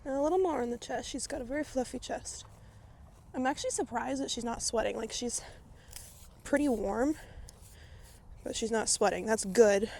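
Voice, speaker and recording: A woman's voice: fairly high pitch, moderate pace, vocal fry, pauses often, a little mellow. A woman vlogging while she grooms her horse outdoors at a barn. She chats in a rambling way with lots of filler words and sounds out of breath. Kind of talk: casual chatty vlog while grooming a horse.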